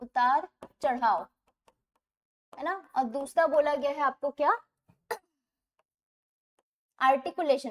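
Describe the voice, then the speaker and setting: High-voiced woman teaching exam prep. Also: fairly bright tone. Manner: explains, repeats terms, asks and answers own questions; reads English questions slowly, then explains in Hindi.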